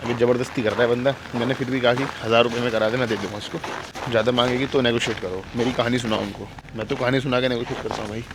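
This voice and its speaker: A man's voice: mid-range voice, fairly even intonation, racing. A young man from India talking casually to the camera as a travel vlogger, chatty and calling his viewers "brother". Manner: chatty, addresses viewers as "bhai". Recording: noisy handheld outdoor recording.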